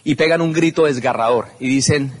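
A man telling an animated story to an audience at a business event, acting out the scenes and calling out to the crowd. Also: medium pitch, fairly quick. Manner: expressive, acts out scenes and shouts.

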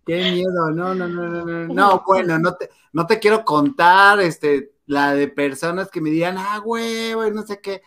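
A man with a Mexican accent hosting a casual gossip chat, animated and mocking. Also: moderate pace, few pauses. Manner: animated, mocking, slips into shrill impressions. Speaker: host.

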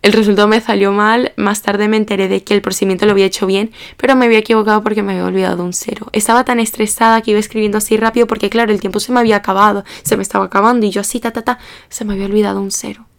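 A young woman of about eighteen, hosting a podcast and telling a personal story in a rambling, animated, self-mocking way. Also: mid-range voice, rapid-fire, gravelly, clean tone. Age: young adult, about 18. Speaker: podcast host.

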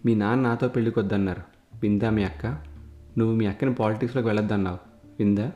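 A man's voice: lowish voice, steady tone, quick pace, mellow, dull audio, close to an everyday voice. A man voicing a weary, blunt middle-aged brother-in-law in a spoken story, matter-of-fact, recorded in an echoey room with faint guitar music.

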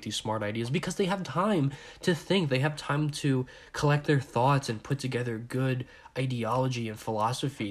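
A man in his twenties talks alone into his podcast mic in a loose rant. He repeats himself and swears freely. He is sick with covid and a little short of breath. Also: medium pitch. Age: 20s. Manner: rambling, profane, repeats himself. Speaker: podcast host.

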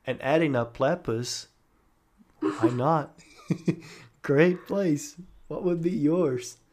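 A man's voice: fairly high pitch, slow pace, a little mellow. A young man co-hosting a casual podcast Q&A, upbeat and enthusiastic, often laughing between answers. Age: young adult. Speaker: podcast co-host. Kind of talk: casual Q&A chat. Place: home setup, recorded for a podcast.

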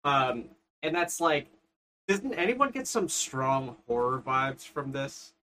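A man's voice: mid-range voice, slow, bright, forceful tone, a little hiss or hum. A podcast guest talking casually about a movie, hesitating and restarting his sentences often. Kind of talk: casual movie review chat.

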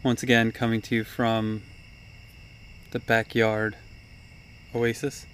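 A man co-hosting a casual podcast outdoors in a backyard, talking in a halting, rambling way. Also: fairly low pitch, completely flat delivery, fairly bright tone, slight background noise. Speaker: podcast co-host.

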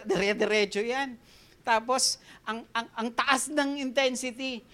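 A woman with a Filipino accent preaching a sermon. She mixes Tagalog and English and tells animated stories, often laughing at herself. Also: a little high, unhurried.

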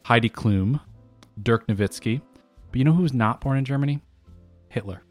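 A man co-hosting a podcast, reading trivia facts in a laid-back, deadpan way during casual chat. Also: mid-range voice, normal speed, faint music behind.

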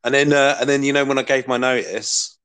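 A man's voice: medium pitch, steady tone, a little fast, fairly bright tone, clear, resonant tone. A man co-hosting a casual radio chat, telling work stories with lots of swearing and laughter. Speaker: co-host.

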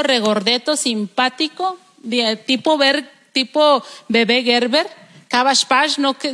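A woman's voice: high-pitched, fairly bright tone, long reverb tail. A woman with a Mexican accent preaching a sermon to her church, telling stories and acting out the voices of the people in them. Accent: Mexican Spanish. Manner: storytelling, acts out quoted voices. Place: church hall.

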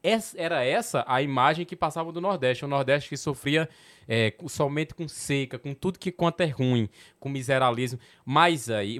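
A young comedian from Petrolina, Pernambuco, Brazil, chats animatedly on a podcast, laughing often and swearing casually. He has a sertão Pernambuco accent from the São Francisco valley, and his voice is a little high.

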